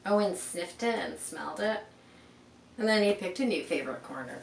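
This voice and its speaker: With a fairly low, gravelly, expressive voice, a children's storybook reader moves through a picture book at a moderate pace, chatting along the way and asking rhetorical questions. The mic sits far off in a roomy space with faint noise in the background.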